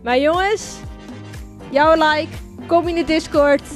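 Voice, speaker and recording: High-voiced Frisian woman playing a game. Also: slow pace, faint music behind. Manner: chatty, exclaims at the game, addresses viewers. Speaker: gaming video host. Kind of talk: casual gameplay commentary.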